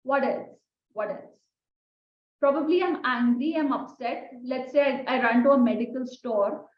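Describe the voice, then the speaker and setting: A woman's voice: sits high, normal speed. A woman teaching a communication skills lesson in a conversational way, often asking her listeners questions. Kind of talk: recorded lesson. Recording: echoey room, dull sound.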